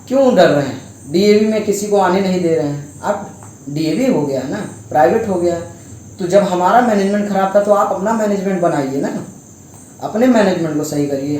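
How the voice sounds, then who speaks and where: A man's voice: high voice, mellow. Echoey young man speaking out. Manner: emphatic, rhetorical questions. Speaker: student speaking out. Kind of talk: impassioned interview answers. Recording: very echoey with faint noise.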